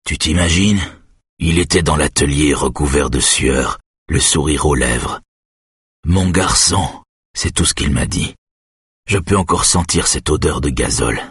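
A man's voice: extremely low pitch, measured pace, a bit bright, slightly rough, dry recording, studio quality, exaggerated voice. A man reading an audiobook, voicing a stubborn, injured father in his sixties who gives curt commands.

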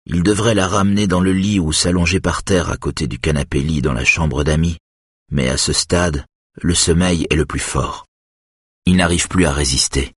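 A man doing measured, scripted audiobook narration of a thriller. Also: a bass voice, husky, no room sound, studio quality.

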